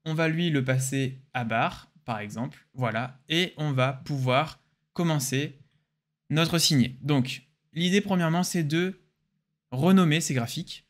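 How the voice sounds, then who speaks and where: A young man with a French accent hosting a casual, enthusiastic software tutorial. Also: medium pitch. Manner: casual, joking, enthusiastic explainer. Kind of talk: screen-recorded software tutorial.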